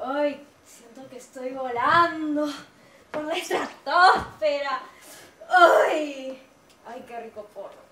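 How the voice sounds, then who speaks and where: Woman acting a high-voiced, drawling stoned young woman. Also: pushed and bright, full character voice. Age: young adult. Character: stoned, mocking, easily panicked young woman in a park. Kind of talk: stage comedy acting. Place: small theatre stage indoors. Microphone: distant camera. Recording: roomy, distant stage recording with noise.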